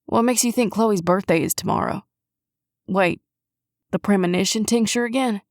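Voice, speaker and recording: A woman's voice: mid-range voice, normal speed, dry recording, close to an everyday voice. A woman voicing a dry, teasing middle-aged male police chief in an audiobook. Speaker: audiobook narrator. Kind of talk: audiobook character voice.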